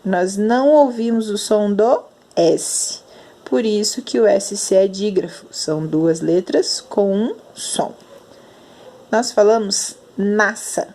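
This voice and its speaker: A young Brazilian woman teaching a grammar lesson to children, sounding out words slowly and clearly. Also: mid-range voice, warm tone. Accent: Brazilian Portuguese. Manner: slow, drawn-out enunciation of sounds. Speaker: primary school teacher.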